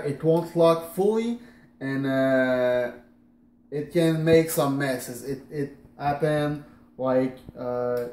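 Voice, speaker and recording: At night in his echoey home kitchen, a man in his thirties chats his way through a casual demonstration while moving around. His voice is fairly high and a little mellow, hesitant with fillers and restarts, captured at a distance by a counter-top camera along with faint room noise.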